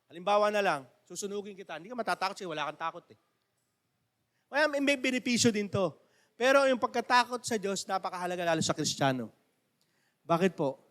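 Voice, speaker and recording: A male pastor preaching a sermon and telling stories with animated rises into near shouts. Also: sits high. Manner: animated storytelling with rising shouts.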